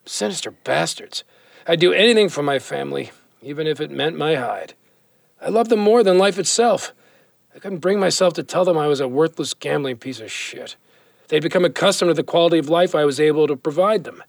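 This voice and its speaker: In an audio drama, a man plays a weary, guilt-ridden former cop who gambles compulsively, speaking in a brooding, confessional way full of bitter regret. His voice is a little high, brisk and gravelly, with no echo.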